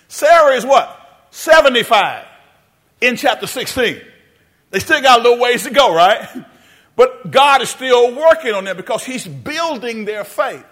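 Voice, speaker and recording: In church, a pastor with a very high-pitched, somewhat bright voice preaches his sermon. He asks the congregation questions in a call-and-response pattern. His address is folksy, full of "y'all" and "baby."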